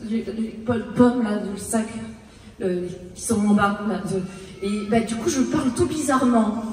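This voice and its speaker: A woman performing a comic stage monologue, telling her story haltingly and acting out her own lines of dialogue. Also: a little high, mellow, slight background noise. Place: stage in a large hall. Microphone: handheld stage mic. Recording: echoey hall, mic at a distance.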